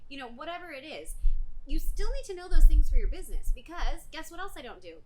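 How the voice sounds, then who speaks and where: A woman's voice: high voice, fast, a little hiss or hum, rough recording. A young adult woman, a salon business coach, talking casually as a podcast guest and acting out quoted voices. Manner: chatty, animated, acts out quoted voices.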